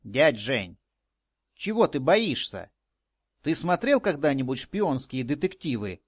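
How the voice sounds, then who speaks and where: A man voicing an eager, admiring young boy sidekick in an audiobook, speaking in excited exclamations. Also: mid-range voice, a little slow, no echo, clean studio sound. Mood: sly.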